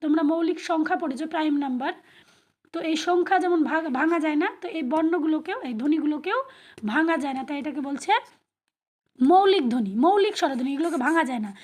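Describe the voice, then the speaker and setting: A woman teaching a grammar lesson to her students. She speaks slowly and deliberately, asks questions and then answers them herself, and repeats the key terms. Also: high voice, lively intonation, a little mellow. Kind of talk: classroom-style lesson.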